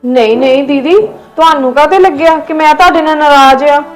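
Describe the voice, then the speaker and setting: A curt, resentful younger daughter-in-law, played by a woman with a high voice. She keeps her replies cold and short. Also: fairly quick, soft background music, natural voice. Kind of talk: family skit acting.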